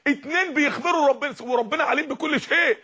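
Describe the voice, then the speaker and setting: A man with an Egyptian accent preaching a sermon to young people, impassioned and pleading, at times shouting. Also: very high-pitched, fast.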